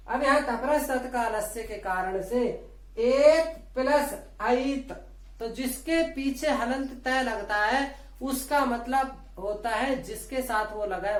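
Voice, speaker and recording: A woman teaching grammar at a slow, deliberate pace, sounding out each letter in turn as she explains it. Her voice sits a little high and rings in an echoey room. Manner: slow, deliberate, demonstrates sounds aloud one by one. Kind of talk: exam-prep grammar lesson.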